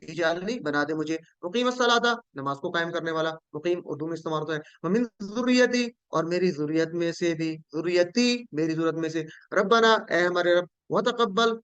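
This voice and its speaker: A man's voice: on the high side, moderate pace, a bit bright, clear, resonant tone, dry recording, highs cut off. A man teaching a Quranic Arabic lesson, patiently repeating each word and quizzing his students.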